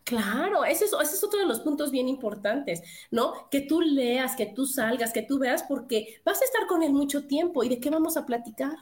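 A middle-aged woman with a Mexican accent, co-hosting a casual chat, talking in a lively way with many rhetorical questions. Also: high voice, moderate pace, few pauses. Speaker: co-host. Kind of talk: casual chat reading viewer comments.

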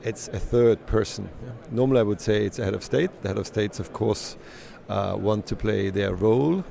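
Low gravelly male journalist. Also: normal speed, mellow. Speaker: foreign journalist. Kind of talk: interview answers.

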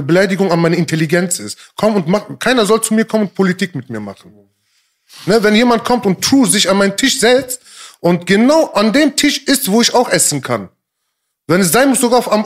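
A man's voice: high-pitched, animated, a little fast. A man, a rapper guest in a casual interview, who talks emphatically in street slang, repeats himself and keeps checking in with his listener.

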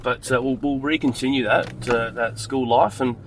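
A man's voice: medium pitch, fairly even intonation, moderate pace, rough recording. A friendly man drives and interviews his passenger, his questions loose and full of easy fillers. His voice sits in an ordinary middle register. Faint car noise hums behind him. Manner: easygoing, friendly, hesitant with fillers. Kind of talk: casual chat while driving. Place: driving a car.

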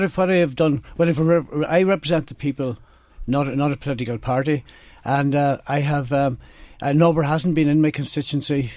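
Halting Donegal man in a dry studio. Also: mid-range voice, a little mellow, no room sound. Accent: Donegal Irish. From Donegal, Ireland. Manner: halting, repetitive delivery. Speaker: election candidate, independent councillor. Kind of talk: live radio interview. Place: radio studio. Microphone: studio microphone.

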